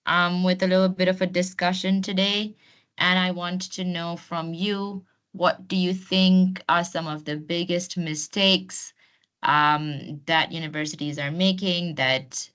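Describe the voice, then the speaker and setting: Hosting and training an informal online class over a video call, a woman speaks casually and encourages participants to join in. Her voice is lowish, fairly bright and clean.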